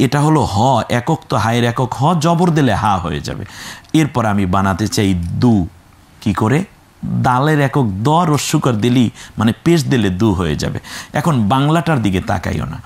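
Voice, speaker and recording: A man's voice: mid-range voice, animated, moderate pace, a little mellow. Man, Quran teacher, children's reading lesson, patient syllable drills, mid-range voice. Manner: grows emphatic when warning about mispronunciation.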